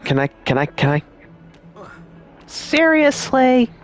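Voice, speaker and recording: A man's voice: very high-pitched, big pitch swings, slow pace, soft background music. A man giving playful, wry commentary as he streams a game. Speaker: gamer streamer.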